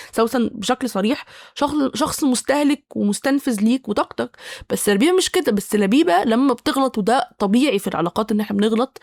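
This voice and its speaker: Rapid-fire Egyptian woman podcaster. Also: on the high side, no room sound. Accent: Egyptian Arabic. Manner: animated, self-mocking, acts out quoted people. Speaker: podcast host. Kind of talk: casual comedic monologue.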